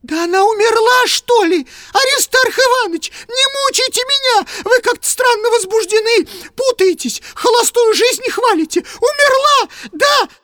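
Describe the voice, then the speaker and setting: A woman's voice: a little high, measured pace, a little mellow, dry recording, clean studio sound. A woman voicing a nervous, tearful man who pleads in a trembling way in an audiobook reading. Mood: anguished. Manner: pleading, tremulous.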